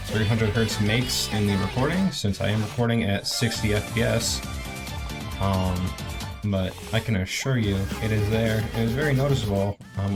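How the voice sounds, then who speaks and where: A man with a lowish voice talks through a casual gadget review over music. He is low-key and halting, thinking aloud as he goes, and his mouth is sore from recent oral surgery. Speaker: presenter reviewing a gaming tablet. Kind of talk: casual unscripted product review.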